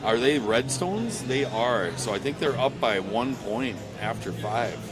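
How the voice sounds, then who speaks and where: A man's voice: medium pitch, expressive, unhurried, music in the background. A man giving casual, joking color commentary on curling from a shared desk mic. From Minnesota. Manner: chatty and joking, laughs often. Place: indoor curling center.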